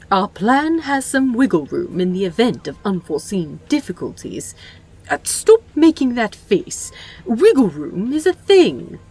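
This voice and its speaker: A woman's voice: fairly high pitch, very animated, a little slow, a little mellow, breathy edge, exaggerated voice. A woman voicing a prim, polite male angel in a fan audio drama, earnest and genteel with a touch of indignation.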